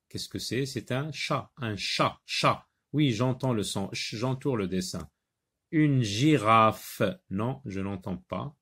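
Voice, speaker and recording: A man teaching a French phonics lesson, repeating words and sounds slowly and deliberately, sometimes translating instructions into Arabic. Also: on the low side, creaky, a bit bright, slightly rough.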